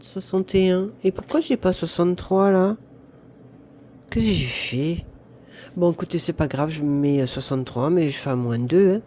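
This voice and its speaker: Casual fifties woman from northern France, talks to viewers and herself while counting money; soft, dark tone, slight background hiss. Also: medium pitch. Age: 50s. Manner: chatty, talks to herself and viewers, counts aloud, self-mocking. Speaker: budget vlogger. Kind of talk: casual talk to camera while doing budget envelopes.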